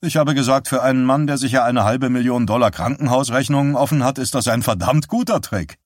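A man's voice: mid-range voice, fairly quick, no echo, clean studio sound, voice pushed up, close to an everyday voice. A man voicing a cheerfully condescending middle-aged husband in an audiobook, jovial and patronizing. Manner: jovial, patronizing, barking laugh. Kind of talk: audiobook character reading.

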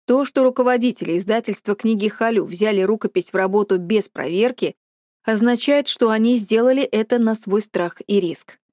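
A woman's voice: medium pitch, moderate pace, darkish tone, no echo, studio quality, natural voice. A woman reading an audiobook, voicing a stern male company director who speaks coldly and commandingly. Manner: cold, commanding.

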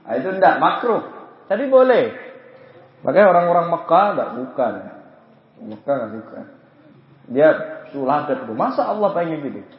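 A man leads a religious study class with a high, animated voice that jumps around in pitch. He jokes, acts out small scenes, and breaks into chanted prayer phrases to show how they go. The recording is roomy and slightly dull. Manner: lively, joking, acts out anecdotes. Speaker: religious teacher. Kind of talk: Islamic study lecture. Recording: echoey, dull lo-fi room recording.

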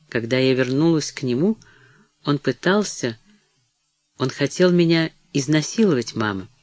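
A woman's voice: sits low, a little mellow, no echo. A male reader voicing a stiff, proud younger woman who cries out sharply between sobs in an audiobook. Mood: hysterical.

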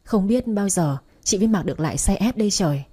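A woman voicing a young pregnant woman who chats warmly, then wails and accuses in panic. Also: medium pitch, expressive, fast talker, husky. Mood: friendly chatty.

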